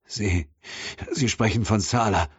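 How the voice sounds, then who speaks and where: A man's voice: fairly low pitch, unhurried, breathy edge, dry recording, muffled recording, voice pushed up. A man voicing a frightened young male character in an audiobook, stammering and gasping.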